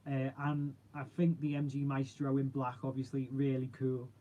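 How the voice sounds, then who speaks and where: A man's voice: mid-range voice, monotone, moderate pace, mellow, highs cut off. A man, chatting casually and informally as he hosts a livestream and answers viewers, rambling in a matey way. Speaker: car channel host.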